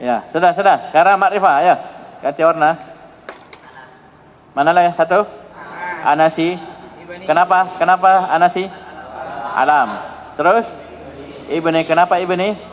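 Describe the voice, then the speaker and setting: A man from Indonesia leads a classroom grammar drill, pressing his pupils with brisk, coaxing questions. His voice sits a little high. The recording is muffled and lo-fi, with a long reverb like a hall. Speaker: Arabic grammar teacher.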